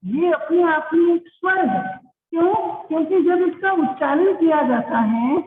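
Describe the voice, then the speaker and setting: A woman's voice: very high-pitched, lively intonation, unhurried, a little hiss or hum. A woman teacher giving an online class, explaining patiently, asking her pupils questions and calling them "beta". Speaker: Hindi teacher. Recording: echoey, phone-like online class audio.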